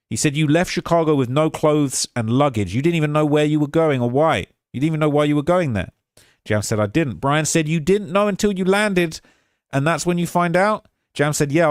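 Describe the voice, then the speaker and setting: A man recapping courtroom testimony by reading his own notes aloud, pushing up his voice for the quotes and dropping it low for the asides. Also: no echo, studio quality. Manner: relays quotes in a rising, emphatic tone, asides dropped low and quiet.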